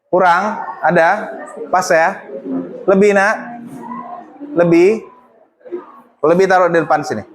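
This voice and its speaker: Man teaching a class, high voice, mixes in English phrases, faint background noise. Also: slow, long pauses. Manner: mixes English phrases into speech, prompts students.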